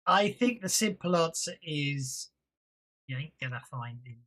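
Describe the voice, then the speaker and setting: A man running a tabletop game as game master, rambling and halting, laughing often. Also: on the high side, lively intonation, pushed and bright.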